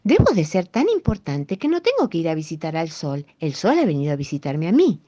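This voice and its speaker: A woman's voice: low voice, huge pitch swings, brisk, dark tone, dull audio, exaggerated voice. A woman voicing a proud little male star man made of grass, chanting his lines in a sing-song rhyme.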